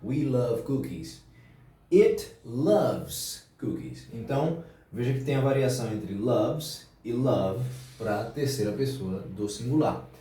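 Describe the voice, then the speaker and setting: A man explains English grammar. He is slow and patient and repeats each example. His voice is mellow and sits back from the mic, in a strongly echoing room. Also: mid-range voice, expressive. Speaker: English teacher. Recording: very echoey room, distant mic.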